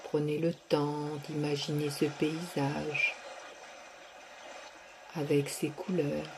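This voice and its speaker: Low slow lady doing a relaxation session, super drawn out, some hiss behind her. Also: flat delivery. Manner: slow, soft, drawn-out delivery with long pauses. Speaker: sophrology guide. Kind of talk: guided relaxation.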